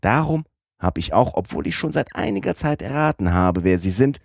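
A man doing Passepartout, excitable French servant. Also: mid-range voice, normal speed, gravelly, no echo, studio quality, pitched above the performer's own voice. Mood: indignant. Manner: indignant, exclamatory, raises voice. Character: excitable French manservant, middle-aged man, loyal.

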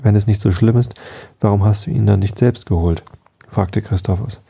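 A man reading a bedtime story aloud in a calm, soft-spoken way. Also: fairly low pitch, moderate pace, gravelly, slightly rough.

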